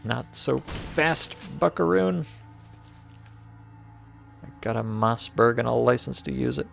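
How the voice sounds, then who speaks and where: A man putting on the voice of a cocky, slow-drawling cowboy gunman in a mock-tough tone. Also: mid-range voice, creaky, a bit bright, soft background music, full character voice. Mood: mock-menacing.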